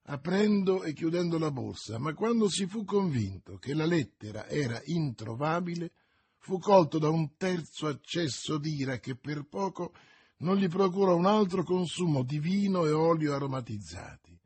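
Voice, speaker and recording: A man narrating a novel as an audiobook, measured and expressive, with a husky voice. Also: on the high side, dry recording.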